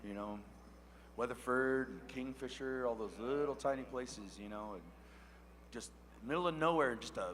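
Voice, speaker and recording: A man's voice: mid-range voice, moderate pace, fairly bright tone, in a large hall, a little hiss or hum. A man from Oklahoma, a powwow emcee chatting and announcing in an easygoing, folksy, conversational way. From Oklahoma, USA.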